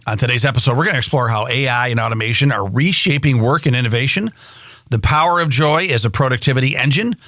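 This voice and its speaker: A man's voice: mid-range voice, fast, a bit bright, dry recording. A man hosting a show in a studio, introducing his guest in an upbeat way with stumbles and repeated words. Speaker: host.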